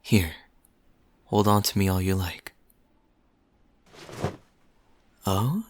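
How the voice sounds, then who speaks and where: Man acting as Kaeya, slow, suave low-voiced flirt. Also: slight background noise. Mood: playful, teasing. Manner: smooth teasing, chuckling, deliberate phrasing. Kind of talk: intimate audio roleplay acting, addressed to listener.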